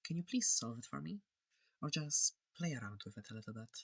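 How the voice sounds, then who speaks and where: Voicing a polite, curious alien scientist for ASMR, the performer speaks softly and breathily right by the microphone, hesitant yet reassuring. The medium-pitched delivery is very animated and a little fast, with no echo, and feels curious and casual.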